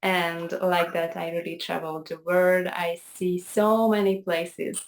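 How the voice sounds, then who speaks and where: A Hungarian piano teacher with a Hungarian accent speaks a little slowly in a low, flat voice. Appearing as an interview guest over a video call, she earnestly tells the story of her path in a conversational way.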